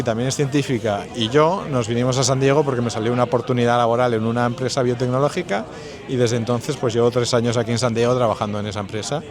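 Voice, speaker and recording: Man, from Spain, scientist, explanatory, long flowing answers, crowd noise behind. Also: medium pitch. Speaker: scientist and association organizer. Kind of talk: interview answers. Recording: outdoors with crowd chatter behind.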